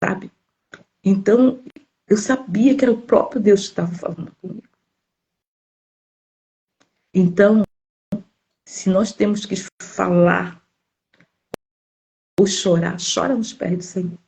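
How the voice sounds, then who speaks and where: A woman's voice: medium pitch, steady tone, slow pace, gravelly, long pauses, dark tone, poor audio. A woman from Brazil preaching and giving her testimony, emphatic and repeating words for stress. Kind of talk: sermon testimony.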